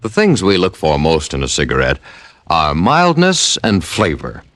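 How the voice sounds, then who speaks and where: A man's voice: low voice, wildly swooping pitch, unhurried, a bit bright, dry recording. A man with an American accent reading an old-time radio advertisement as announcer, in a polished, emphatic sales manner.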